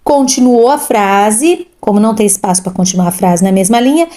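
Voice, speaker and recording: A woman with a warm, mid-range voice speaks a little fast as she tutors children in reading. As a literacy teacher, she reads syllables aloud, repeats each word twice, and often adds an instructive "tá?" or "ó".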